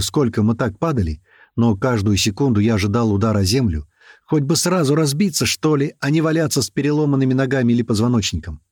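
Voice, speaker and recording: An audiobook narrator reads in the first person, doing voices for the characters. His mid-range male voice is recorded dry and close to the mic with no echo. He stays lively, raising his pitch and shouting when he voices quoted characters.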